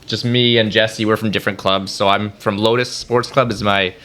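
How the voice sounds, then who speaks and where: A man from Canada, guesting on a podcast, with a fairly low voice. He talks about himself in a relaxed, matter-of-fact way. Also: normal speed. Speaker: guest paddler. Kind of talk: casual interview.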